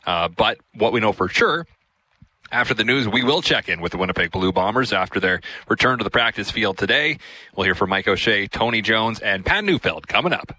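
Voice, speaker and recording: A man hosts a radio sports show. His voice sits a little low but sounds sharp and very bright. He keeps a brisk, conversational pace. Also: lively intonation, poor audio. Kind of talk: radio interview and show links.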